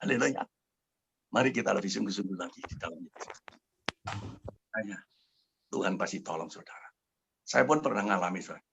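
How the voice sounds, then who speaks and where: An older man preaching a sermon with a personal testimony, fervent, swinging from hushed tones to loud shouted prayer. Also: lowish voice, lively intonation, a little fast, creaky, long pauses, slight background noise. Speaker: pastor.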